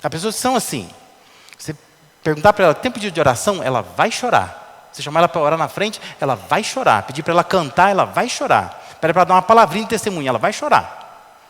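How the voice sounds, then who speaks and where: A pastor preaching in a conversational tone and stopping often to put rhetorical questions to his listeners. His voice sits a little high and his intonation rises and falls a lot. A long reverb trails behind him, as in a large hall. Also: sing-song, quick pace, fairly bright tone. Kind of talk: sermon.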